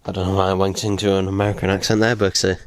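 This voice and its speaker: A man's voice: deep voice, little pitch movement, rapid-fire, no echo. Guy rambling thru an unboxing vlog, sore from a fall, um-ing a lot, dry close mic. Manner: rambling, swears casually, many fillers. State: in pain after a fall. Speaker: unboxing vlogger. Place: small room at home. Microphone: close desk microphone.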